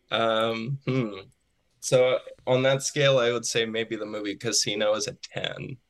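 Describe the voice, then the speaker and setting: A man's voice: medium pitch, flat delivery, slow pace, pauses often, a bit bright. A man chatting as a podcast guest over a remote call, rambling with lots of fillers and frequent laughs. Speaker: podcast guest, comedian and filmmaker. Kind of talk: casual interview chat. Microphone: remote call recording.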